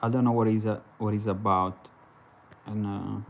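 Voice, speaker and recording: A man's voice: on the low side, little pitch movement, normal speed, vocal fry, narrow, tinny audio, a little hiss or hum. A man from Italy, talking casually on a livestream in a hesitant, rambling way full of fillers and restarts. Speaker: livestream host.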